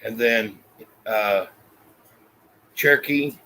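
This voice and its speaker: A man's voice: on the low side, extremely slow, pushed and bright, rough recording. A man, chatting casually and folksily as a family vlog host. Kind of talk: casual chat.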